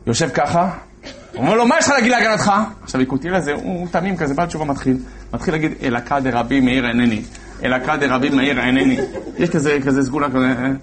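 A man with a medium-pitched voice delivers a religious story as a sermon, animated and acting out each character's voice.

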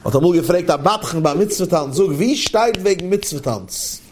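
A man's voice: high voice, lively intonation, normal speed. A man teaching a Torah lesson, chanting verses in a singsong and then explaining them. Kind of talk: Yiddish-style Torah lesson on Psalms.

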